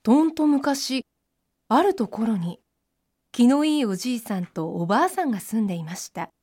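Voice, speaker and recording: A woman narrating children's storybooks in a gentle, clear read-aloud manner. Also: a little high, animated, moderate pace, no echo, studio quality.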